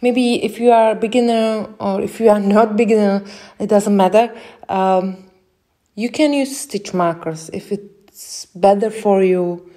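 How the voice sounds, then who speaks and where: A young Czech woman with a Czech accent, giving slow step-by-step crochet instructions with frequent hesitations. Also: medium pitch, warm tone. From Czech Republic. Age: young adult. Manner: slow, careful, with many hesitations. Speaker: crochet tutorial host.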